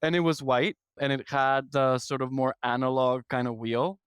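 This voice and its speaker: A man in his thirties from Ecuador, with an Ecuadorian accent, appears as a podcast guest and product executive, giving conversational interview answers. He is thoughtful and articulate, listing ideas in sequence. His voice is mid-range, level, smooth, and fairly bright at normal speed, with no room sound.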